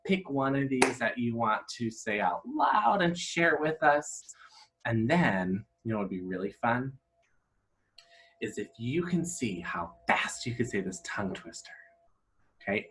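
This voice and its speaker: A man, an elementary school teacher, giving a playful, animated video lesson to young children. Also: mid-range voice, moderate pace, slight background noise. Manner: animated, upbeat, playfully exaggerated.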